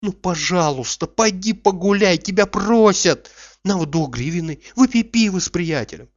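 A man voicing a flustered, anxious young gentleman who urges and shouts orders. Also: on the high side, sing-song, moderate pace, no echo, voice pushed up. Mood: agitated. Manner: agitated, urging, raised voice. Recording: dull, dry recording.

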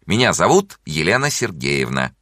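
A man's voice: low-pitched, big pitch swings, normal speed, a bit bright, no room sound, studio quality. A man playing a cheerful young female teacher. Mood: friendly. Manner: friendly, smiling.

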